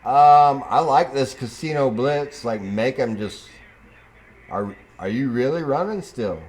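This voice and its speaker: A man gives easygoing, unhurried commentary while he plays a football video game. His voice sits at an ordinary middle pitch, and he drawls through his remarks, talks back to the computer opponent and now and then lets out a loud whoop. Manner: slow, chatty, talks to the game, sudden excited whoops. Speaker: gaming YouTuber. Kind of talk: casual gameplay commentary.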